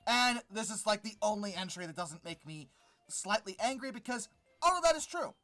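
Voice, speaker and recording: The host of a paleontology commentary channel critiques material point by point in an informal video, sounding exasperated and sarcastic and often dismissive. His middling-pitched voice is animated, pushed and bright at a normal speed, with faint music in the background.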